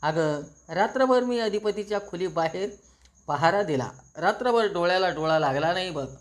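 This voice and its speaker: An eager, meddling aunt, played by a man in a storytelling retelling. She is quick to defend herself and chatty. The pitch sits high. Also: expressive.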